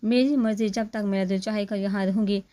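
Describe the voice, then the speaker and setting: A woman's voice: mid-range voice, fairly even intonation, brisk, warm tone, lightly acted. A woman voicing a proud, spoiled young woman who answers back indignantly. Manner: indignant, huffy.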